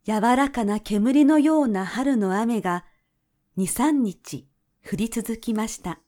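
Slow, gentle woman storyteller. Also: on the high side. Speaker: narrator. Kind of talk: storybook narration.

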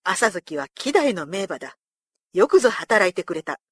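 A proud older feudal lord barking orders and praising his men, voiced by a woman reading a storybook. The voice stays dry and close, with lively swings as he commands. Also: mid-range voice, normal speed, no echo, voice pushed down. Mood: approving. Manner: commanding, gruff and pleased.

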